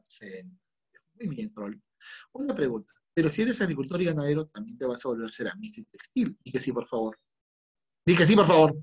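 A middle-aged man teaching a lively online class. His voice is husky, and his pitch jumps widely as he teases and scolds his students. It sounds like a video call. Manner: teasing, joking, scolding students. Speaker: history teacher.

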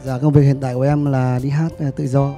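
A man's voice: medium pitch, flat delivery, fast talker, music in the background. A young man, a contestant and freelance singer, introducing himself with polite, formal greetings. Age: young adult. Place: TV studio.

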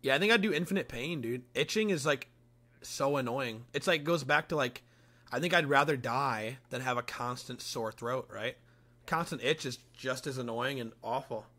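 A man's voice: medium pitch, moderate pace, sharp tone. A young man chatting casually as a game streamer in a crude, slangy frat-bro manner with lots of swearing. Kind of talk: casual livestream gameplay chat.

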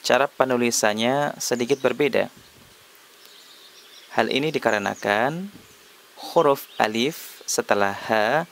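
Slow, gravelly male teacher. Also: medium pitch, a bit bright, slight background noise. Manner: repeats words slowly, spells out letters. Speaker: Arabic language teacher. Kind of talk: slow, deliberate lesson narration.

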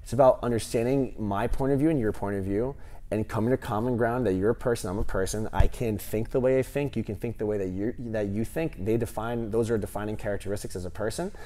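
Animated man telling stories in a gym. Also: lowish voice, quick pace. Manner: animated storytelling, lots of fillers. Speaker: gym owner and coach. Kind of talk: podcast interview answers. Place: large empty gym, indoors. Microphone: lapel mic.

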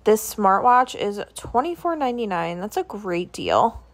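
A woman's voice: medium pitch, sing-song, measured pace. Woman, casual shopping vlog, chatty item-by-item listing, phone-recorded in a store. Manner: chatty, listing items and prices. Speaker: shopping vlogger. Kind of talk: casual product walkthrough. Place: indoors in a grocery store.

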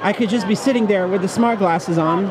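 A man's voice: sits high, a little fast. A man hosting a casual trade-show interview from behind the camera, firing eager follow-up questions. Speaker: video interviewer and show host. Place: busy indoor trade-show hall. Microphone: camera mic, speaking from behind the camera. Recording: loud expo crowd and hall noise. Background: loud crowd chatter and hall noise.

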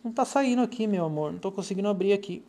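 Expressive and racing along, a middle-aged Brazilian man with a fairly high voice runs a live stream as a clinical hypnotherapist, answering viewer comments casually. He has a Brazilian Portuguese accent, sounds warm and chatty, and frequently drops to a soft voice to address someone off camera.

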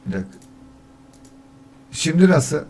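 A man's voice: a little high, big pitch swings, unhurried, a little mellow, a little hiss or hum. Chatty, annoyed male streamer. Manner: chatty, testing his mic by counting weekdays and reading chat; easily annoyed, grumbling about echo. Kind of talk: casual livestream chat.

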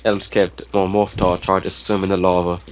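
Deep-voiced man rambling while gaming. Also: level tone, moderate pace, a little hiss or hum. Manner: rambling, filler-heavy, exclaiming. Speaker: game player. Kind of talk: casual gameplay chat.

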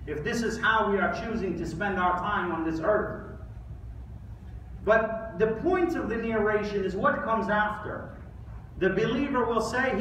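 A high-voiced, slightly bright man preaches an Islamic lecture in a very echoey hall, emphatic and deliberate, with rhetorical questions and pauses. His sermon quotes Arabic recitation and takes place indoors in a large mosque prayer hall. A distant camera or phone captured it, leaving echo and faint noise.

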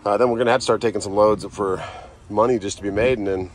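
Low-voiced woman vlogging on her phone. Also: steady tone, fast talker. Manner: chatty, offhand, laughs at herself. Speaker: vlogger, trucking dispatcher wife. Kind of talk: casual vlog narration. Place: car, yard and home, in and out of doors. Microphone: handheld phone camera. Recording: noisy phone recording.

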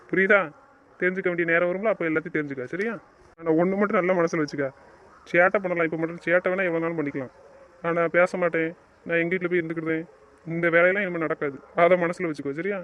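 A man's voice: on the high side, steady tone, fast talker. A man in a romantic audio drama, scolding and teasing his partner in a bossy way. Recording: dull lo-fi recording.

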